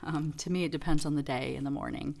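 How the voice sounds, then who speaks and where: Very low-voiced woman musing over tarot. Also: fairly even intonation, fast, creaky, noisy background. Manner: reflective, rambling, many fillers. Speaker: tarot reader. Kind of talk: casual tarot reading demo.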